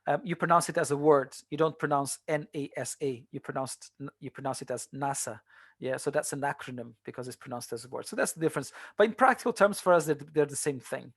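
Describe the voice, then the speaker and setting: Gravelly-voiced man teaching translation. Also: on the high side, quick pace, hardly any pauses, no room sound, clean studio sound. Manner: conversational, many fillers and restarts. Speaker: translation tutor. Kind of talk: online seminar lecture.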